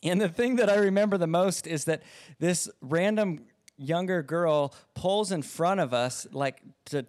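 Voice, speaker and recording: A man who is a pastor, telling stories in a casual podcast chat with lively delivery. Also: high-pitched, unhurried, no room sound, studio quality. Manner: lively storyteller, acts out voices in anecdotes.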